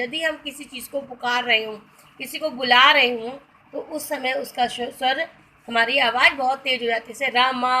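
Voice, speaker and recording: A woman's voice: high voice, bright, forceful tone, poor audio. A woman teacher giving a grammar lesson, spelling out letters one by one and calling her students "beta". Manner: briefly sings film song lines as examples. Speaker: Hindi teacher.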